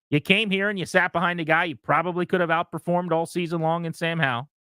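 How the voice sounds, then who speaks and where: A man on sports talk radio, his voice sitting a little high for a man and recorded dry and close. He lays out his opinions with conviction and speaks right at his listeners. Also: sharp tone, no echo. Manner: opinionated, talks straight to listeners. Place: radio studio.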